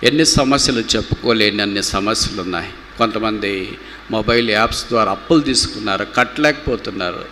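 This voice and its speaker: Impassioned preacher, bright tense voice. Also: male voice. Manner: impassioned, rising to loud rhetorical questions then dropping low and slow. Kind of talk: Telugu gospel sermon. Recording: reverberant hall with faint background noise.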